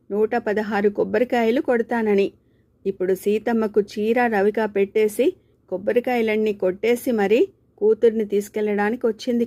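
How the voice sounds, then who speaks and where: Mellow-voiced woman reading a story. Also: mid-range voice, no room sound. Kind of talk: read-aloud story narration.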